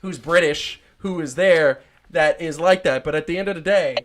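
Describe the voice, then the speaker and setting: A man's voice: fairly high pitch, moderate pace, a bit bright. A man hosting a casual podcast, rambling with many fillers and restarts. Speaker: podcast host.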